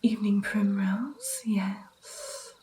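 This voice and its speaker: A woman playing a gentle vampire mentor in an ASMR roleplay, soft, breathy and mostly whispered, coaxing and encouraging her pupil with pauses. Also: mid-range voice, wildly swooping pitch, slight background noise, full character voice. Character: gentle female vampire patiently training her new darkling. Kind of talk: ASMR personal attention roleplay.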